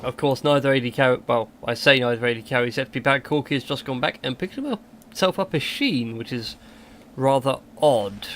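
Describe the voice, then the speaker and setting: A man doing chatty play-by-play commentary on a video game match, quick and joking. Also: mid-range voice, expressive, a bit bright, slight background noise. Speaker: game caster.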